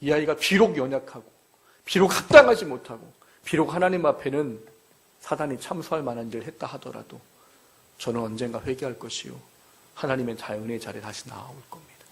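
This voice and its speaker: A male pastor giving a sermon in an earnest, repetitive preaching style with rhetorical questions, sometimes dropping to a soft whisper. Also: mid-range voice, fairly quick, creaky.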